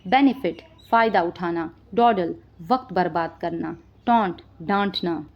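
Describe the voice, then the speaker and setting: A woman teaching vocabulary, listing each word with its meaning and often checking understanding with a quick question. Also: lowish voice, muffled recording. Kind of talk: spoken vocabulary lesson.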